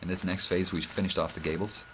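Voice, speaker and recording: A man's voice: low voice, fairly even intonation, fast, a bit bright, slight background noise, poor audio. A hungover man giving a casual game-building tutorial, speaking hesitantly and often correcting himself. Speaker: video tutorial host.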